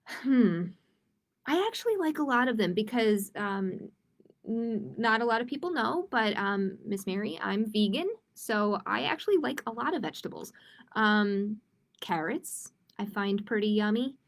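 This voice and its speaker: An adult woman hosts a live-streamed online storytime for young children as a children's library host. She reads picture books aloud expressively and makes informal asides to viewers. Her mid-range voice is animated and a little slow.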